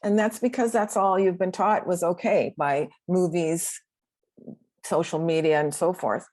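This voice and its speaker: A middle-aged woman therapist speaks to a workshop audience in a somewhat low voice. She talks earnestly and reflectively, often pausing to restart her sentences. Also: fairly even intonation, a little mellow. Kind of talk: workshop talk to men.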